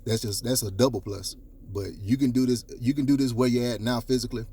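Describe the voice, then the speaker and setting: Deep-voiced man giving blunt dating advice. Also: darkish tone, a little hiss or hum. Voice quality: deep baritone. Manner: coaching, emphatic, repeats points, casual profanity. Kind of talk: direct-to-camera advice talk.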